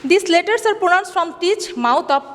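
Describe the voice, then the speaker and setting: A woman teacher giving a lesson, explaining slowly in English, then repeating faster in Bengali and asking questions she answers herself. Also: very high voice, a bit bright. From Bangladesh. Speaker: school teacher. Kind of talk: classroom lesson. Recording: long hall reverb.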